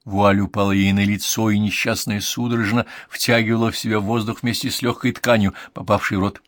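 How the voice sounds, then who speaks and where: A man's voice: fairly low pitch, flat delivery, fairly quick, a bit bright, dry recording, studio quality. A man narrating an audiobook in a dramatic reading style.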